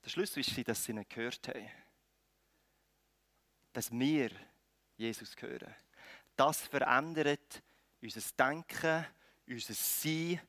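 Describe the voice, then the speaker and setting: A man with a Swiss German accent preaching a sermon, swinging between loud calls and quiet, close lines. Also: mid-range voice, slow pace, pauses often, no room sound. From Switzerland.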